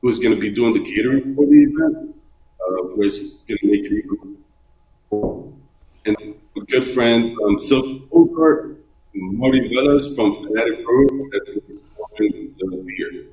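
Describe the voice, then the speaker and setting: A man calling in from his laptop to an interview, talking about his event in a halting way with lots of ums and uhs. His audio keeps breaking up with echo over the call. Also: medium pitch, big pitch swings, darkish tone. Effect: breaking-up echoey video-call audio. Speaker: guest event organizer. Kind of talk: remote interview, promoting an event. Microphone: laptop on a video call. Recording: distant, echoey, dull lo-fi call line.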